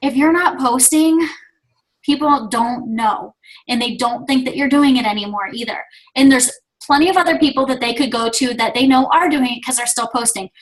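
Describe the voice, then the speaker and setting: A woman's voice: high voice, normal speed, poor audio. A woman speaking on a video call as a guest speaker, telling chatty stories and urging her team on. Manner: chatty storytelling, quotes others in their voices. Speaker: guest speaker, top-ranking distributor. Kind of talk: motivational video call talk.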